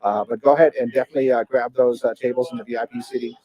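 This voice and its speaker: A man's voice: mid-range voice, level tone, rapid-fire, warm tone, rough recording. A man hosting a casual live talk show from a restaurant patio, chatty and folksy. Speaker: podcast host.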